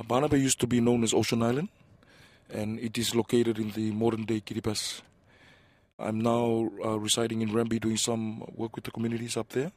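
A man from Fiji speaking in an interview, soft and hesitant, reflecting slowly on his community. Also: lowish voice, dry recording.

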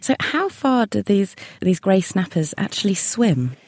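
A woman's voice: mid-range voice, sing-song, measured pace, a little mellow, no echo. A woman interviewer asking curious, conversational questions.

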